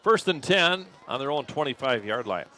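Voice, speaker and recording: A man doing play-by-play commentary for a local radio football broadcast. He calls the action steadily, gets louder and higher when a play breaks open, and corrects himself out loud as he goes. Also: normal speed, a little hiss or hum. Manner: steady play calling that jumps up in pitch and volume on big plays; thinks aloud and corrects himself on the spot. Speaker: play-by-play announcer.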